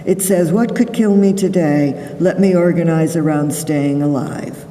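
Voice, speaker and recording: A woman psychologist giving a conference lecture, explaining deliberately and stressing key words. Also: low voice, mellow. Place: large conference hall. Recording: echoey hall, voice from far off the mic.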